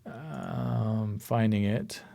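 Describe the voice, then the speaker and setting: A man's voice: on the low side, drawn-out words, gravelly, mellow. A man teaching a live online class over a video call, casually talking through each click on his screen. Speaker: course instructor. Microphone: computer mic on a video call.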